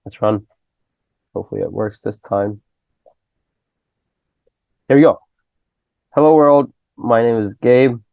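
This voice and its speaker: Young guy tutoring code, low gravelly voice, dry close mic, keeps asking "right?". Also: takes it slowly, long pauses, darkish tone, dry recording. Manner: loose and conversational, full of "okay?" and "right?" checks. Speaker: programming tutor. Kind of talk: casual screen-recorded coding lesson.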